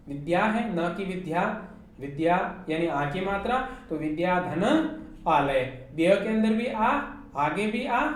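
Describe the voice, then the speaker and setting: A woman teacher with a Hindi accent giving an online class lecture, explaining step by step and asking her students rhetorical questions. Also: fairly low pitch. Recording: very echoey room with faint noise.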